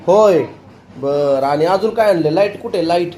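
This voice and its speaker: A woman with a rural western Maharashtra Marathi accent, filming at home on a phone and gently coaxing a toddler with one question after another in a casual vlog. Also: lowish voice, measured pace, background noise. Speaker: family vlogger questioning a toddler.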